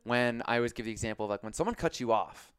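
Man, podcast co-host, casual chat, smooth resonant voice, dry close sound. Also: fast talker, dry recording. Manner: animated storyteller, jumps into high voices for quotes. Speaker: coach.

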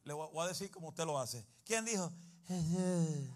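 A man preaching a fiery sermon as pastor, shouting and speaking in tongues. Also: fairly high pitch, expressive, fairly quick.

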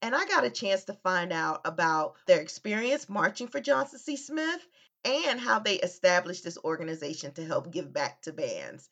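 A woman's voice: lowish voice, animated, moderate pace, a bit bright. A woman from Virginia hosting a podcast, chatting casually and asking friendly questions. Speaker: podcast host. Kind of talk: casual interview chat. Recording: dull lo-fi audio.

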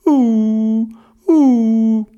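A Swiss German storyteller voicing a small, cold, hurt squirrel in a high, whimpering voice. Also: very slow, warm tone, muffled recording.

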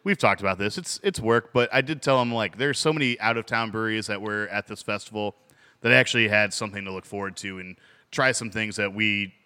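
A man's voice: lowish voice, brisk, pushed and bright, clear, resonant tone. A man co-hosting a casual podcast chat, teasing his friends, swearing and laughing often. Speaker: podcast co-host.

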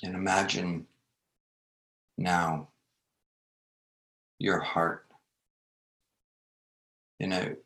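Guy doing a guided meditation, really low voice, super slow n gentle, lots of long pauses. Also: flat delivery, creaky. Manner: gentle, unhurried, with long pauses between short phrases.

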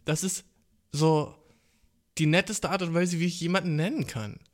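A man's voice: on the high side, fairly even intonation, moderate pace. Hyperactive young man, slangy podcast chat. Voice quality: slangy, swears a lot, says bro constantly. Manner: hyperactive, jumpy and playful. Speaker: podcast host. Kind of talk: casual solo podcast chat. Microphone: phone in hand.

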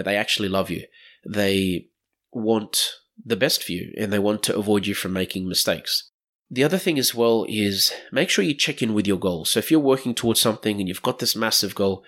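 A man's voice: lowish voice, fairly bright tone. A man hosting a podcast, talking casually on his own, often restarting phrases and briefly acting out what other people might say. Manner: casual, repeats words and restarts, acts out quoted voices. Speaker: podcast host. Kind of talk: solo podcast talk.

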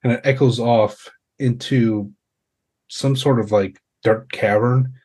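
A man improvising horror narration as a tabletop game master, halting as he searches for words. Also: medium pitch, steady tone, darkish tone, slightly rough.

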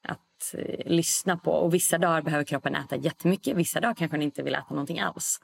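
Low, gravelly-voiced woman guest. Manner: reflective, thinks aloud with pauses. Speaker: podcast guest. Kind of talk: casual podcast conversation.

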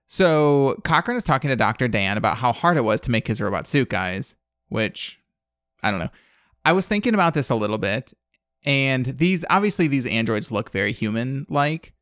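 A man's voice: mid-range voice, very animated, moderate pace, a bit bright, clean tone, no room sound, clean studio sound. A man in his thirties hosting a podcast, recapping a film in casual chat, blunt and sarcastic, with plenty of fillers. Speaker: podcast host.

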